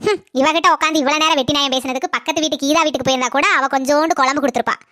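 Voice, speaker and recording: Here a woman voices a gossip-hungry cartoon neighbor who eagerly spreads word around the street, her accent from Kanyakumari Tamil. The high-pitched voice races with fairly even intonation, bright and forceful, with no echo. It's cartoon comedy dialogue told in a breathless, eager rush.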